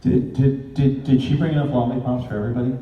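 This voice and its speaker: A man's voice: mid-range voice, level tone, fast talker, muffled recording. A man moderating a convention panel with dry jokes, steering the talk back on track. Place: large convention panel hall. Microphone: panel mic through hall speakers, caught on a phone in the audience. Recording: long hall reverb, phone from far off.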